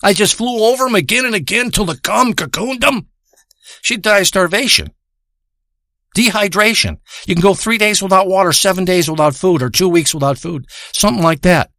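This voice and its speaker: A man telling a crude, rambling comic story with deadpan tangents and heavy profanity. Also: sits high, moderate pace, no echo, clean studio sound. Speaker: comedic storyteller.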